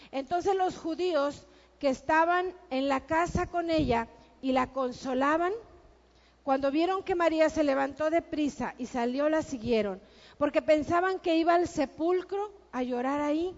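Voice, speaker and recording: A woman pastor preaching a sermon in a church, with slow, emphatic repetition that rises to shouts. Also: high-pitched, in a large hall, muffled recording. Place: church sanctuary.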